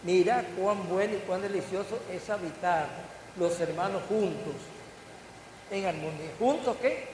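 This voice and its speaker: High-voiced pastor in an echoey hall. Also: male voice, moderate pace, darkish tone. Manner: preaching with rising bursts and questions to the congregation. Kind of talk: sermon. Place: church hall. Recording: echoey church hall with faint hiss.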